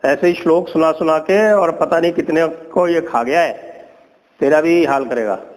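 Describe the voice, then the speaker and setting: A man's voice: fairly high pitch, measured pace, pitched above the performer's own voice, natural voice. A watchful crow scolds his foolish friend in a raised, pointed voice, put on by a man telling a fable. The sound carries a long hall reverb. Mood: warning. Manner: reproachful, warning.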